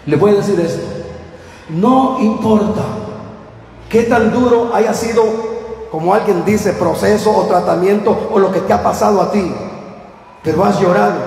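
A man's voice: high-pitched, a little mellow. A man preaching an impassioned sermon, rising and dropping in intensity. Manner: impassioned, fervent preaching with sudden rises and drops. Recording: echoey hall, voice from far off.

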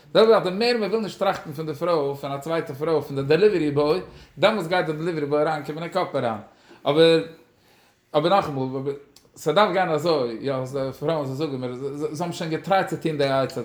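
A man giving a Torah lecture as a religious teacher, halting and repetitive, mixing in English words. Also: fairly high pitch. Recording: echoey room.

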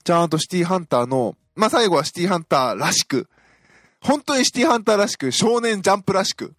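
A man's voice: high voice, big pitch swings, fast, a bit bright, no room sound, studio quality. A man hosting a podcast, giving a casual, chatty film review with frequent fillers and self-deprecating fan humor. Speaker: podcast host.

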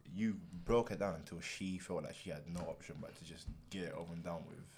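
A man's voice: sits low, a little fast, darkish tone, slight background noise. A young man with a London roadman accent, chatting casually as a podcast host, mixing street slang with mock-formal turns of phrase. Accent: London, multicultural urban roadman slang. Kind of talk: casual chat.

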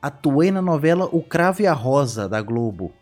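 A man's voice: on the high side, big pitch swings, moderate pace, darkish tone, faint music behind. A man hosting a casual podcast quiz game, reading clues aloud in a playful, teasing way. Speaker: quiz host.

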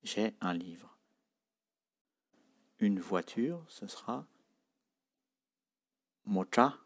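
A man's voice: fairly low pitch, slow pace, gravelly, darkish tone, slightly rough. A man teaching a spoken language lesson, saying words and tones one by one, repeating them, and patiently explaining how to pronounce them.

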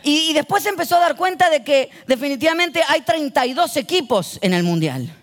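A middle-aged pastor with an Argentine accent delivers a humorous sermon in a high voice. He tells stories with lively energy, acts out the characters himself and gets the congregation to repeat lines after him. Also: fairly quick. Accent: Argentine Spanish. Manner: animated storyteller, acts out voices and asks the congregation to repeat phrases.

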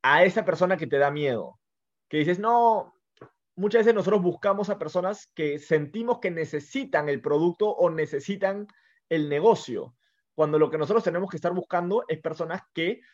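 Earnest man giving a motivational business talk. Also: fairly high pitch. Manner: conversational, earnest, with many restarts. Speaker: motivational speaker. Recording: muffled lo-fi sound.

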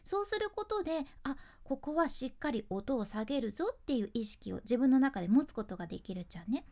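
High, lively woman with Fukuoka accent. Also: fast talker. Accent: Fukuoka Japanese. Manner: lively, chatty explanations with dialect endings. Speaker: freelance announcer teaching speaking skills. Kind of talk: casual speaking lesson.

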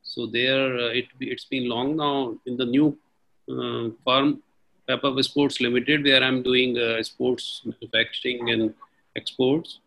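Man, North Indian accent, forceful bright tone, even intonation, hesitant explanatory seminar participant. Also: medium pitch, measured pace, gravelly, poor audio. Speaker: seminar participant from a manufacturing company. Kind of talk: informal spoken account of experience.

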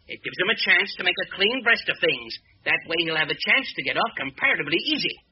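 An actor playing a cocky young newspaper reporter who talks boldly and boastfully, in 1940s radio acting. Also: male voice, high-pitched, very animated, husky, exaggerated voice. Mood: brash. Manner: quick, bold, boastful. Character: brash young male reporter, cocky and talkative. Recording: dull old radio broadcast.

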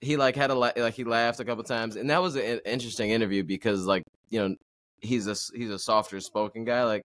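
A man's voice: medium pitch, steady tone, fast talker, a bit bright. A man hosting a running podcast in casual chat, rambling with lots of fillers and restarts. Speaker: podcast host.

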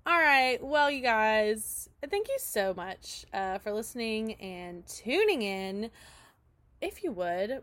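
A woman's voice: a little high, a bit bright. A woman co-hosting a podcast, telling an improvised story in an upbeat, chatty way full of fillers. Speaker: podcast co-host. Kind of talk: casual improvised storytelling chat.

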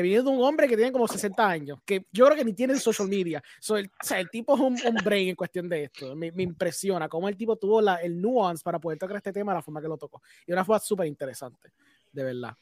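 Fast-talking man speaking Spanglish. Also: high-pitched, animated, a little mellow, dry recording. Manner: Spanglish, mixing English words into Spanish. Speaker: host of a film discussion. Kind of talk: casual chat, film commentary.

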